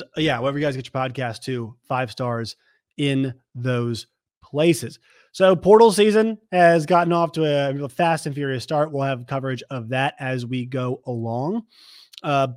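A man hosting a sports show, giving emphatic commentary to viewers in a slightly hoarse voice and repeating his points. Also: mid-range voice, no room sound, clean studio sound.

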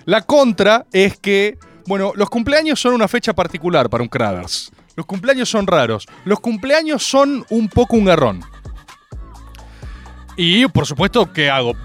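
A man's voice: sits high, unhurried, soft background music. A young adult man with a Rioplatense Spanish accent, hosting a comedic radio show in a joking, ranting monologue full of swearing. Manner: animated, joking, rants with swearing. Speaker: radio host.

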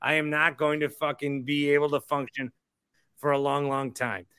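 A man's voice: a little high, level tone, moderate pace, sharp tone, smooth, dry recording, clean studio sound. A tipsy man hosting a sports livestream, rambling and swearing in exasperation as he rants. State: drunk, tipsy. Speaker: host of a sports fan livestream. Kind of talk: rambling livestream rant about basketball.

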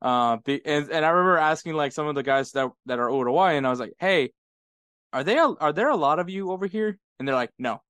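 An American man from the United States co-hosts a podcast, telling stories in casual conversation and laughing often. His voice is a little high, fairly quick, clear and resonant, with no echo.

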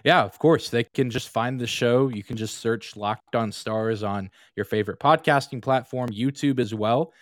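A man's voice: medium pitch, normal speed, few pauses, no room sound, studio quality. A man guesting on a sports podcast, talking casually, rambling with plenty of fillers and laughing often.

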